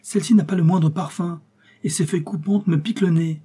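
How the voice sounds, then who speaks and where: A man voicing a tearful young princess girl in a storybook reading, pleading in a high, sobbing way. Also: animated, moderate pace, warm tone, breathy edge. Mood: scornful. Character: tearful little princess girl, sweet and upset.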